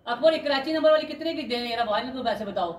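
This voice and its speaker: A man, walking a used-car lot and pitching cars in a steady, repetitive salesman patter. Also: fast. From Pakistan. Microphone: handheld phone camera. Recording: noisy outdoor lot.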